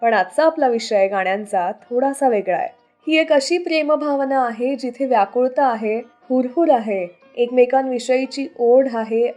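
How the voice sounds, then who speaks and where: Over music playing under her voice, a woman hosts a radio show, narrating scripted stories about old songs. Her voice is a little high and a little mellow.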